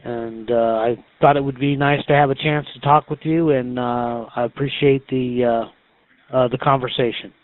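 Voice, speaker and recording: A man conducting a casual interview, asking halting, hesitant questions with many pauses. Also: medium pitch, steady tone. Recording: tinny phone-like band, roomy echo.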